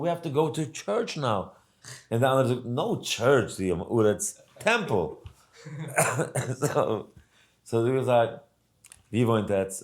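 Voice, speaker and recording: A man teaching a daily Torah lesson, telling a story in casual speech, acting out the people in it with lively voices and chanting Hebrew verses in a singsong. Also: fairly low pitch. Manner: animated storyteller acting out characters, mixing in English and Hebrew.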